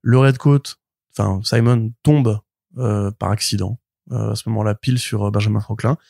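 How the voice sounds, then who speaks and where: A man co-hosting a comics podcast, retelling a plot in an animated, rambling way full of fillers and restarts. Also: fairly low pitch, moderate pace, vocal fry, dry recording, clean studio sound. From France. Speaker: podcast co-host, comics reviewer. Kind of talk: casual podcast chat.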